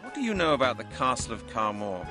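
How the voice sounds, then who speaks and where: An actor playing a polite, inquisitive police detective in a video game, questioning the locals. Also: male voice, mid-range voice, very animated, quick pace, over music, natural voice. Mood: curious. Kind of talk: game voice acting.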